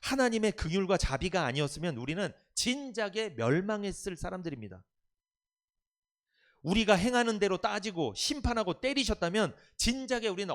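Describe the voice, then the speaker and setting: A male pastor giving an emphatic sermon, often putting questions to the congregation and having them repeat phrases. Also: high-pitched. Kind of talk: Sunday afternoon sermon.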